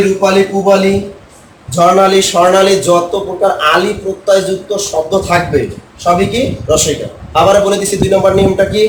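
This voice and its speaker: Male tutor, high voice, drilling spelling rules; roomy, distant recording. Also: background noise. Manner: repeats and spells out words slowly, asks and answers himself. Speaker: teacher. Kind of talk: spelling lesson for exam takers.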